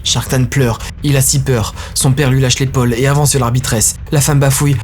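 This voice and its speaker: Male narrator, grave intense storytelling, mid-pitched voice, faint music underneath. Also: level tone, a little fast, a little mellow. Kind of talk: dramatic audio story narration.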